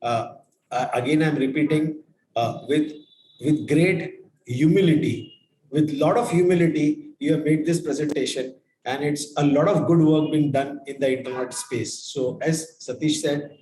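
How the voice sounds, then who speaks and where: A man's voice: on the high side, normal speed, darkish tone. A man, a co-host offering courteous, repetitive thanks in a formal tone. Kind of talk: formal thanks on a video call. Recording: roomy video-call audio with faint noise.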